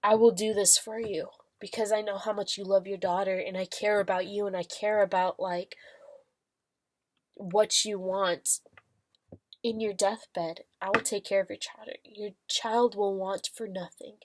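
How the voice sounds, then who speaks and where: A woman's voice: mid-range voice, flat delivery, a little slow, darkish tone, lightly acted. A woman voicing an earnest male ex-convict who speaks in a pleading, heartfelt way, in a casual retelling. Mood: tender.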